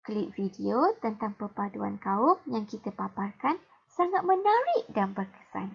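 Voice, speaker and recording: A Malaysian woman reading the part of an upbeat schoolgirl in a bright read-aloud voice, in a Malay accent. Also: medium pitch, very animated, measured pace, vocal fry, breathy edge, dull audio, full character voice. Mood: pleased. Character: upbeat schoolgirl pleased with her project.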